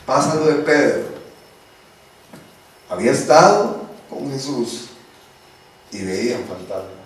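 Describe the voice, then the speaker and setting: A man's voice: medium pitch, lively intonation, slow. A man preaching as a pastor, with impassioned, repetitive delivery that builds in intensity. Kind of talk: sermon. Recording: very echoey room, voice from a distance.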